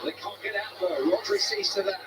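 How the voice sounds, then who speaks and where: Man, football commentator, high voice, measured analytical play-by-play, noisy broadcast sound. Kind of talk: live match commentary.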